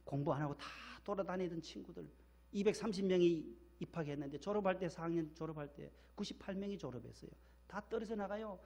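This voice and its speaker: A middle-aged man from South Korea's Gyeongsang region speaks in a high, mellow voice. He's a pastor delivering a sermon, sharing folksy personal stories and repeating phrases for emphasis.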